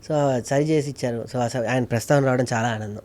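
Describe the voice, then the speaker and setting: A man's voice: mid-range voice, brisk, a little mellow. A man being interviewed, talking earnestly and emphatically, often repeating phrases for effect. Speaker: guest, mimicry artist and ventriloquist. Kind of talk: casual interview talk.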